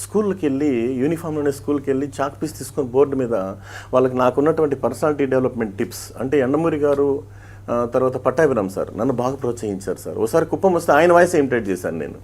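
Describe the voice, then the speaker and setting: A man's voice: medium pitch, fast talker. A middle-aged man with an Andhra Pradesh Telugu accent, a police head constable and mimicry artist, telling stories as an interview guest and weaving proverbs and rhymes into his answers. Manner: storytelling with proverbs and rhymes, animated shifts in voice.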